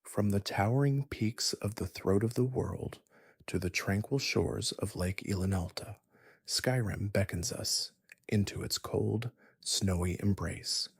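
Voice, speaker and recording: A man softly narrates in a soothing, half-whispered ASMR manner. His voice is lowish, husky and full of fry. He moves slowly and gently, very close and dry. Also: dry recording. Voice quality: breathy, husky, partly whispered. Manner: slow, gentle, soothing delivery. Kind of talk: soft whispered sleep-story narration, ASMR.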